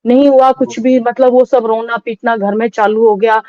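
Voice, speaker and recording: A middle-aged woman recounting a painful loss as an interview guest, in a halting, sorrowful way with many restarts. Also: a little high, steady tone, warm tone, no room sound, muffled recording. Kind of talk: emotional personal testimony.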